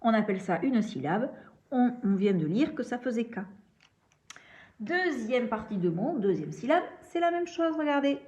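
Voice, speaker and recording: Young woman teacher, lively, slightly high voice, slow and patient, dull lo-fi home recording. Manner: patient, step-by-step, repeats sounds slowly. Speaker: primary school teacher. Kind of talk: remote reading and handwriting lesson.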